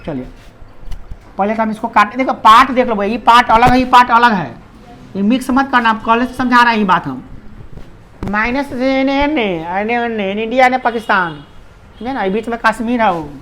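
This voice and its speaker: A man's voice: extremely high pitch, moderate pace, pushed and bright. A man teaching a maths class with a Bihari Hindi accent, talking with his students in a chatty, teasing way and cracking jokes between steps. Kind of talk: classroom lesson.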